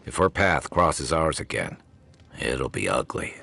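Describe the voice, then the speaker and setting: An actor playing a calm, reassuring adventurer companion in a fantasy video game. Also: male voice, very deep voice, unhurried, creaky, breathy edge, full character voice.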